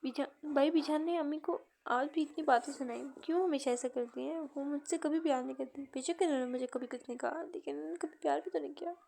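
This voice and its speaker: A woman voicing a hurt, tearful teenage girl in a read-aloud novel, speaking softly. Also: sits high, little pitch movement, fast talker, hardly any pauses, a little hiss or hum.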